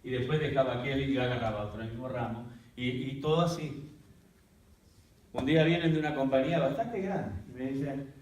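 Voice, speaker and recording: A man, a pastor, teaching a church workshop like a sermon, telling his story dramatically with sudden loud, high bursts. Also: fairly quick, a little hiss or hum. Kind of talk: preaching-style teaching. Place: church hall. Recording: very echoey hall, voice from far off the mic.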